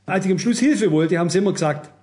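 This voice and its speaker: A man's voice: high-pitched, fast, darkish tone. An older man preaching a sermon, earnest and warning, repeating phrases for emphasis.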